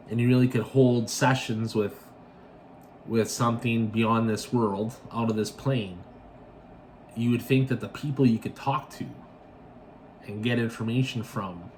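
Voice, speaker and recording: Guy podcasting, casual rambly talk, keeps tacking on "right?", ordinary middle pitch. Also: slight background noise. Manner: rambling, self-correcting, tags sentences with "right?". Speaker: podcast host.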